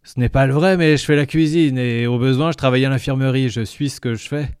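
A man's voice: medium pitch, steady tone, quick pace, a little mellow, clean tone, no room sound, studio quality, voice pushed up, lightly acted. A man doing a gurgling, chatty alien cook. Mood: explaining. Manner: gurgling, talkative. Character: chatty male alien cook, big and warm.

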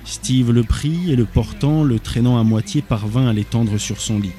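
Male audiobook narrator, mellow dark tone, mid pitch, faint music underneath. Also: normal speed. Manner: steady storytelling with small slips. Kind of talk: audiobook reading of a thriller.

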